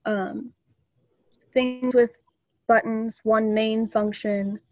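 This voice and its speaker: A woman's voice: fairly high pitch, fairly even intonation, very slow, no echo, lo-fi sound. A young woman casually explaining things to a club meeting, chatty and loose with ums and small laughs, over a video call. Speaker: student club presenter.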